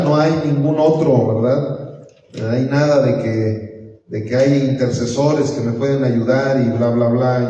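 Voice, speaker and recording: The man's voice is mid-range and dark. He runs an evangelism class in a church, encouraging and somewhat preachy, calling on the class to read verses aloud, and the recording comes from far away in an echoey hall with faint room noise.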